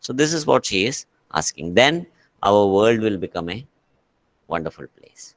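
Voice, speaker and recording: A man's voice: lowish voice, big pitch swings, moderate pace. A man with a Malayali English accent whose first language is Malayalam, teaching an online English class. He mixes English and Malayalam, repeats and translates key phrases, and puts questions to his students. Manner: frequent fillers and restarts while explaining.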